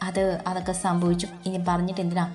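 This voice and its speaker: A woman's voice: fairly low pitch, monotone, fast, darkish tone, faint music behind, pitched below the performer's own voice, lightly acted. A woman voicing a troubled young husband. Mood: strained. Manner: hesitant, evasive.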